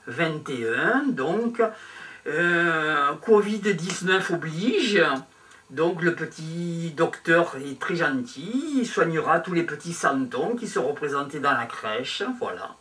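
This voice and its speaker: An older man from Provence presenting his handmade nativity crib to camera in a small room, talking in slow halting phrases full of pauses and fillers. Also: on the high side, a bit bright, recorded from a distance. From Provence, France. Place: small indoor room with a decorated table. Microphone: clip-on lapel mic.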